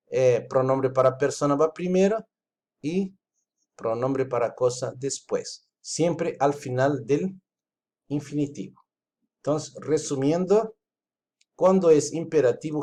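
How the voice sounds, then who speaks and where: A man's voice: medium pitch, darkish tone. Man explaining grammar with "¿sí?" checks. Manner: explains step by step, tags lines with "¿sí?" and "¿está bien?". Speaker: Spanish teacher. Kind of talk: recorded online lesson.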